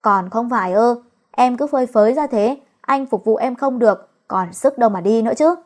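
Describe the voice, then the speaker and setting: A woman's voice: a little high, moderate pace, a little mellow, lightly acted. A woman reading the part of a young husband who coaxes and teases his wife in a storybook romance. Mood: coaxing. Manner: coaxing, playful. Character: young husband, teasing and coaxing.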